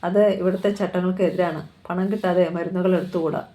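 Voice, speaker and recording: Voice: mid-range voice, little pitch movement, fast talker, warm tone, lightly acted. A narrator voicing a cold, contemptuous male doctor who answers curtly in a storybook reading. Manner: curt, sneering.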